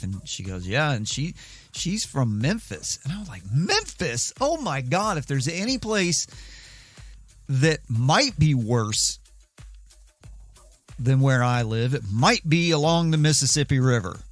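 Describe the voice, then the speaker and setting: A man talks through a casual solo podcast, wandering from story to story with a dry, self-mocking humor. His voice sits at an ordinary middle pitch. Faint music plays underneath. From southeastern United States. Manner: rambling, wry, self-deprecating storyteller. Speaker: podcast host.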